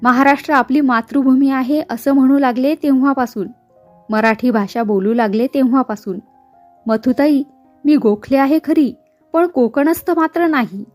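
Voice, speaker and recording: A woman reading the lines of a rebellious fifteen-year-old girl who answers gravely and firmly. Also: high-pitched, normal speed, darkish tone, faint music behind, close to an everyday voice. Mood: defiant. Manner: grave, firm retorts.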